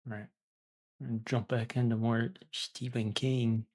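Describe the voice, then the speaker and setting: A man with a creaky voice chatting casually as a streamer between story readings. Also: mid-range voice, level tone, a little slow, a little mellow, dry recording, studio quality. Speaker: streamer reading stories aloud.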